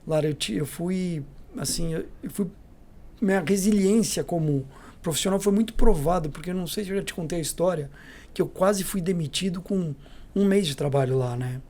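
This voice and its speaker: A middle-aged Brazilian man with a Brazilian Portuguese accent, a company CEO telling lively anecdotes as a podcast guest, acting out the dialogue. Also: high voice, a little fast. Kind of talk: storytelling in a podcast interview.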